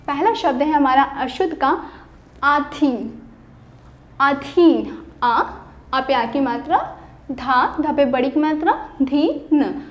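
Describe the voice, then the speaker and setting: A woman teaching a Hindi class to schoolchildren. She is patient and spells words out slowly, syllable by syllable, asking the pupils questions and answering them herself. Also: sits high. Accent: Indian. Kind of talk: online classroom lesson.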